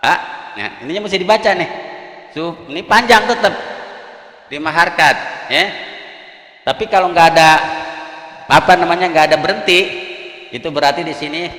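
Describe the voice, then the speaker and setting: A man's voice: a little high, moderate pace, long pauses, sharp tone. A man with an Indonesian accent teaching a Quran recitation lesson, patiently sounding out syllables one at a time and chanting the examples. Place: religious gathering hall. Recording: echoey hall.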